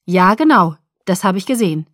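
A woman voicing a quick, sharp-tongued young woman in an audiobook, speaking hastily in a raised, cutting voice. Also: mid-range voice, big pitch swings, dry recording, clean studio sound. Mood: icy. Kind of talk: audiobook character reading.

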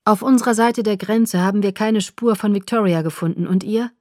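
A woman voicing a calm, guarded young man who speaks in a controlled, measured way. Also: mid-range voice, no room sound, clean studio sound, close to an everyday voice.

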